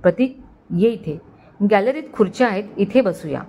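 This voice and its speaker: A woman's voice: mid-range voice, expressive, moderate pace, mellow, a little hiss or hum, natural voice. A woman voicing a cautious, commanding male detective officer in a read-aloud mystery story. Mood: confident.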